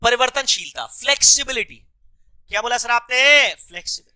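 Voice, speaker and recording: A man's voice: very high-pitched, fairly quick, bright, forceful tone, clean tone. A male economics teacher lecturing a class, mixing terms into his speech and constantly prompting students to answer back. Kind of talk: classroom lecture with call-and-response questions.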